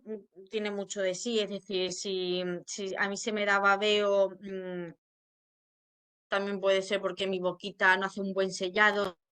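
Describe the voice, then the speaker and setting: A woman's voice: medium pitch, fairly bright tone. A woman speech therapist with a Spain Spanish accent gives an informal educational talk. She explains patiently, with many fillers and frequent checks that listeners follow.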